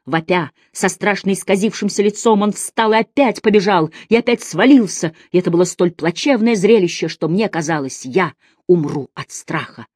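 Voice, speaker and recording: Woman audiobook narrator, measured dramatic read, lowish voice, dry close mic. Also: darkish tone, no echo.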